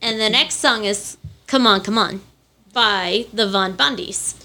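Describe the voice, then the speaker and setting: A woman hosting a podcast in casual, animated chat, laughing often and playfully arguing her point. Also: mid-range voice, unhurried. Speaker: podcast host.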